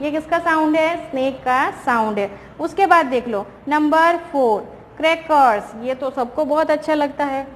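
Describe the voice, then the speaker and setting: High-voiced woman teacher, patient questions. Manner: patient, asks and answers her own questions; reads English lines slowly, explains in Hindi. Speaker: primary school teacher. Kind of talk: recorded online class lesson. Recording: reverberant room, faint background noise.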